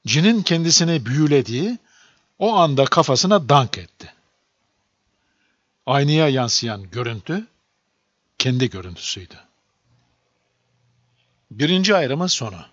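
Man reading a storybook, lively. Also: medium pitch, unhurried, pauses often, no echo. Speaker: audiobook narrator. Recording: dull lo-fi dry recording.

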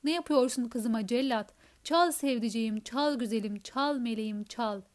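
A woman's voice: on the high side, normal speed, close to an everyday voice. Woman narrator doing a blustering elderly general, mock-scolding. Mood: teasing. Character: elderly retired army general, gruff and teasing.

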